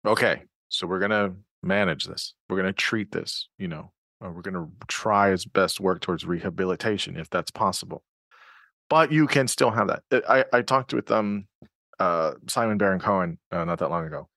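A man's voice: deep voice, moderate pace, creaky, a bit bright, no room sound, clean studio sound. A man hosting a podcast interview, thinking aloud with many fillers and restarts. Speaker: podcast host. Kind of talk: conversational interview.

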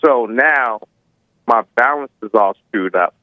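A man calling in to a talk show, speaking casually and haltingly with slightly slurred words and slushy s sounds. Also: medium pitch, no room sound. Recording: narrow tinny phone line.

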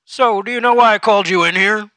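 A loud, overexcited supervisor with a patronizing, chummy push to every line, as a man puts him on. His voice is bright and sits a little high, recorded close and dry. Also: fast talker, smooth, no room sound. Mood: overbearing. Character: overly chummy male office supervisor, pushy.

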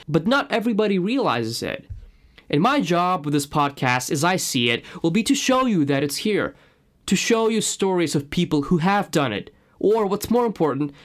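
A Russian man, a native speaker with a Russian accent, delivers an earnest, personal scripted monologue as a podcast host. His voice sits a little high.

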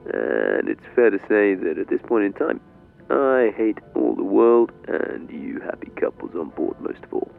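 A man playing a bitter, heartbroken airline captain on the intercom, calm and matter-of-fact, with a low, deeply gravelly voice that swoops widely in pitch. The sound is thin and tinny like a cabin speaker, and faint music plays underneath. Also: exaggerated voice. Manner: calm, matter-of-fact, polite announcer's phrasing. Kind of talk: comic in-flight announcement.

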